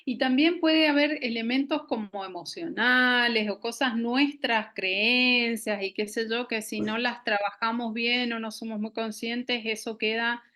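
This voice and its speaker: Una mujer con acento de España que conversa en un pódcast y plantea preguntas con pausas y rodeos. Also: female voice, fairly high pitch, pushed and bright. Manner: asks questions reflectively, hesitant phrasing. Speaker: podcast co-host, interviewer. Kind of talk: casual podcast conversation.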